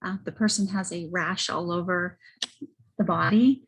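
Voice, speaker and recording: A woman giving a casual, halting product testimonial as a host, often correcting herself as she goes. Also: on the low side, fairly even intonation, gravelly, slightly rough, low-quality recording. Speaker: host presenting wellness products. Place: library children's area. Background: children and banging in background.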